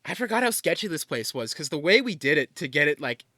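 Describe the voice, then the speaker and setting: A man's voice: on the high side, big pitch swings, quick pace, bright, forceful tone, no room sound, clean studio sound. A young man co-hosting a podcast, animatedly retelling a party story with lots of laughs. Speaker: podcast co-host. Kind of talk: casual storytelling.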